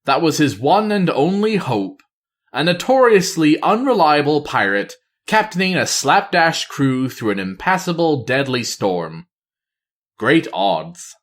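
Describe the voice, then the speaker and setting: Lively man reading a story aloud. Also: a little high, measured pace. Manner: lively, expressive narration.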